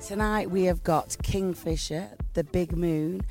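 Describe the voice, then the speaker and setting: A woman's voice: on the low side, a little slow, a little mellow, faint music behind. A woman who heads the PR for a festival, answering interview questions in a polished, composed way. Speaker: festival PR head.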